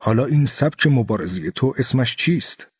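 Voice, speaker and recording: A man playing a cocky young samurai in a storybook tale, taunting and scornful, a bit higher and husky, dry close sound. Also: expressive, no room sound, big-room sound. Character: brash, hot-tempered young male samurai.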